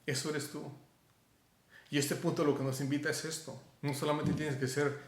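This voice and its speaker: Middle-aged Mexican pastor, animated sermon, direct address, slightly high voice, roomy echo. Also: male voice, fairly quick. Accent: Mexican Spanish.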